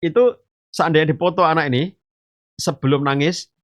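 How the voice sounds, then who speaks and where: On a podcast, an Islamic teacher with a voice on the high side talks about parenting at a moderate pace, explaining with homely stories and analogies. He speaks to listeners as fathers and mothers, "ayah bunda," and frequently uses "gitu" and "eh." There's no room sound, and the recording is dry and slightly muffled.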